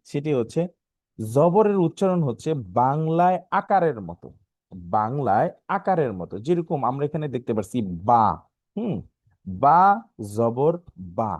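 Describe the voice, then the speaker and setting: A man's voice: a little high, warm tone, no echo. A man teaching an online Quran class, patiently repeating examples and often checking that students follow.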